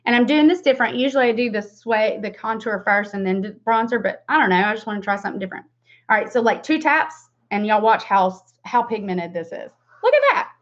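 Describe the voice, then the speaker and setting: A woman's voice: medium pitch, a little fast. A woman in her forties with a Southern US drawl, chatting casually and rambling through a livestream makeup tutorial with self-deprecating asides. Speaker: beauty livestream host and makeup seller. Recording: dull lo-fi webcam stream.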